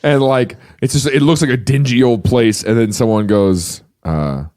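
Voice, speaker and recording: A man co-hosting a podcast, riffing jokes in casual banter and acting out quick voices. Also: medium pitch, darkish tone. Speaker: podcast co-host.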